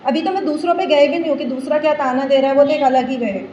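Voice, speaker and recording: A woman with a high voice gives a mental health talk as a life coach. She builds her points from simple analogies and keeps asking the group whether they follow. The room echoes around her with a faint hiss behind. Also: fast talker, mellow, muffled recording. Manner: explains with analogies, checks understanding with questions.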